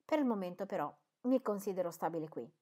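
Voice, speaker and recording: A woman reading as an amiable young gentleman. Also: medium pitch, animated, fast talker, close to an everyday voice. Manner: friendly, eager. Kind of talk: audiobook reading.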